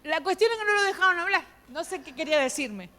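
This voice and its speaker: Emotional high-voiced woman pastor preaching. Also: fast talker, big-room sound. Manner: emotional, animated storytelling with acted quotes. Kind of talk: sermon testimony. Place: church sanctuary.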